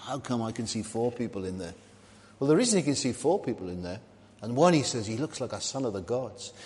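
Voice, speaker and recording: Preacher in a reverberant church. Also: male voice, medium pitch, a little mellow. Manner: conversational, asks the listeners questions, frequent ums and restarts. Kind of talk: sermon. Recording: long hall reverb.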